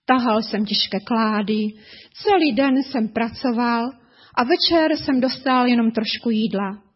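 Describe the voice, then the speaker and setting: A woman voicing a big old male buffalo in a storybook tale, telling his bitter story slowly and heavily. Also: a little high, slightly rough. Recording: dull lo-fi recording.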